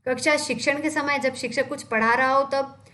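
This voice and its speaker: High-voiced woman teaching a lecture. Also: steady tone, normal speed, bright, forceful tone. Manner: explanatory, asks and answers own questions. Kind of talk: exam-prep lecture.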